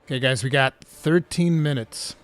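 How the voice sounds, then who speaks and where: A medium-pitched Portuguese man with an American-sounding English accent goes through viewer questions in a casual stream, speaking at a moderate pace. He gets excitable, laughs a lot and keeps saying "dude," with faint music playing in the background.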